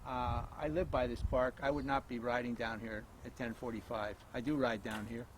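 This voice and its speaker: Halting man interviewing outdoors, faint noise. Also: medium pitch, level tone. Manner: halting, restarts questions. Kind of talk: interview questions. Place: outdoors in a park.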